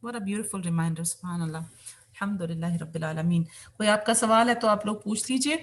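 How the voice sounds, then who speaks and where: A woman from Pakistan, teaching tajweed in an online class, reciting verses slowly and correcting pronunciation with quick asides. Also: mid-range voice. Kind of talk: tajweed lesson, reciting and explaining.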